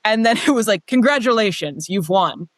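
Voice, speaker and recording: A woman's voice: medium pitch, expressive, normal speed, dry recording. A woman telling her story as an interview guest in a casual, chatty, self-deprecating way, saying "like" often.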